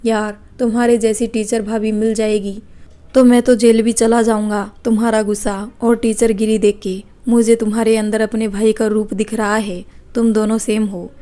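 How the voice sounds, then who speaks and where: A woman's voice: a little high, level tone, normal speed, mellow, lightly acted. A woman voicing a playful young man who teases and jokes nonstop in a storybook tale. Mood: teasing. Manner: cheeky, joking banter.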